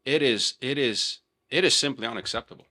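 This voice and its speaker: A man from Serbia, co-hosting a casual podcast chat in an animated, emphatic way, often repeating words when worked up. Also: mid-range voice, fairly quick. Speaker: podcast co-host.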